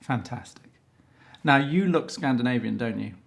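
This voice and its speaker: A man's voice: medium pitch, lively intonation, moderate pace, vocal fry. A middle-aged man hosting a casual interview, chatty and teasing, laughing easily. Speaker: interviewer, fashion photographer.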